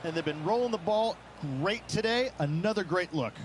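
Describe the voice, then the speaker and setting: A man's voice: high voice, lively intonation, moderate pace, slight background noise. A man playing a folksy, explanatory golf analyst commentating in a video game. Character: male golf analyst explaining course strategy.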